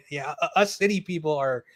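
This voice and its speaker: A man's voice: on the high side, unhurried, a bit bright. A man in casual chat, recounting things he saw in a chatty way. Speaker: podcast panelist.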